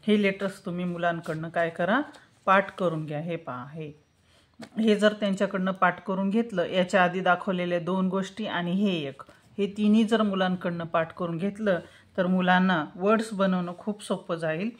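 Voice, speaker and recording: A woman's voice: fairly low pitch, steady tone, moderate pace. A woman tutor teaching a spelling lesson, patiently repeating each question and answering it herself, sounding out letters syllable by syllable.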